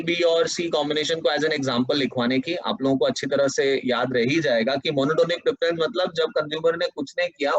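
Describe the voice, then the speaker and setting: A male economics teacher giving an online class, dictating definitions slowly with repetition and then explaining casually, with an Indian English accent. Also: fairly high pitch, a bit bright, lo-fi sound.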